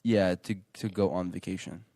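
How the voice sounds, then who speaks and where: A young man of nineteen, co-hosting a relationship podcast in loose casual chat. His voice sits a little low and sounds close and dry. He rambles and jokes, piling on fillers and restarting his sentences. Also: fairly even intonation, normal speed, dark tone, no echo. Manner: rambling, joking, lots of "like" and restarts. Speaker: podcast co-host.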